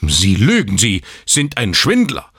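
A man's voice: deep voice, huge pitch swings, a little slow, fairly bright tone, breathy edge, dry recording, studio quality, heavily acted. A man voicing a desperate, horrified middle-aged father, in a storybook reading. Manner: desperate, agitated.

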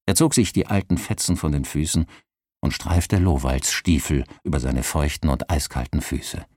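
A man reading a novel aloud as narrator, with an expressive storytelling delivery into a close mic. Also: rumbling low, moderate pace, no room sound. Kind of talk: scripted audiobook narration.

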